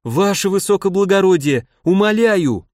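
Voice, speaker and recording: A man's voice: sits high, expressive, moderate pace, a little mellow, no echo, studio quality, pitched above the performer's own voice. A man voicing a groveling, frightened merchant who pleads and fawns, in an audiobook reading. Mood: pleading. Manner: pleading, fawning.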